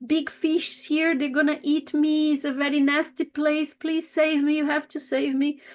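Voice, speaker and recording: Woman doing a high, pleading little fish. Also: level tone, moderate pace, close to an everyday voice. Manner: pleading, insistent. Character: small pleading male talking fish.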